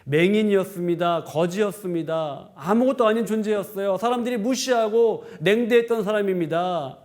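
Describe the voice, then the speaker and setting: A man's voice: sits high, moderate pace, darkish tone. A male pastor giving a sermon, retelling a story and asking rhetorical questions.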